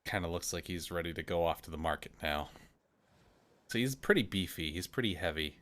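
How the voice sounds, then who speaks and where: A man's voice: deep voice, expressive, fairly quick, a bit bright. A man improvising narration as game master of a tabletop game.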